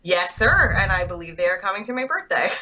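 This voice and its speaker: A woman's voice: mid-range voice, expressive, fairly quick, bright, forceful tone. A woman hosting a casual sports podcast chat, teasing her co-hosts playfully. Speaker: podcast host.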